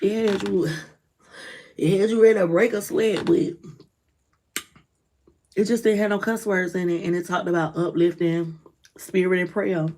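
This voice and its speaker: Lively woman preaching uplift with dialect flavor. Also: lowish voice, normal speed, long pauses. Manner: lively, swings loud and soft, preachy. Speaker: rideshare driver and motivational vlogger. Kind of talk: casual motivational talk to camera.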